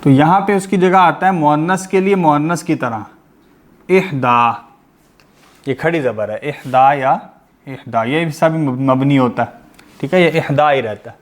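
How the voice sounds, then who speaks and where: A man's voice: on the high side, normal speed. A man teaching a grammar lesson over an online class. He explains step by step, asking the class questions and then answering them himself.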